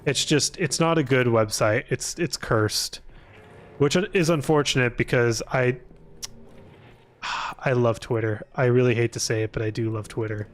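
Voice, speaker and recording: A live streamer chats casually from an apartment room in a mid-range, unhurried voice. He rambles informally and hesitantly, often letting thoughts trail off unfinished.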